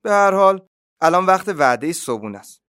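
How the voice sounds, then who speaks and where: Man doing a self-assured duck, storybook, a touch raised and lively. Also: high-pitched, clean tone, pitched above the performer's own voice. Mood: matter-of-fact. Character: calm, contented male duck living in a wolf's belly. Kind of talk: storybook reading.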